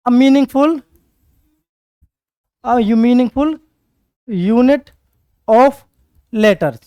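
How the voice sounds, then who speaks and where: Male tutor, high and clear voice, drills words by repetition, dry close sound. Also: no room sound. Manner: repetitive call-and-response drilling; writes on a board while explaining. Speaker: English teacher. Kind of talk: exam-prep classroom lecture.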